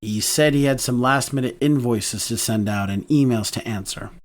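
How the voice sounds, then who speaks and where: A man voicing a dry, steady, protective man in a romance audiobook. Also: mid-range voice, normal speed, voice pushed down, lightly acted.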